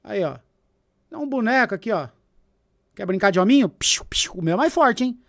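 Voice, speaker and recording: A man gives live react commentary, teasing and sarcastic. His voice sits high and swings widely in pitch, jumping from loud outbursts to low mutters. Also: lively intonation, brisk, vocal fry. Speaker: streamer reacting to a debate.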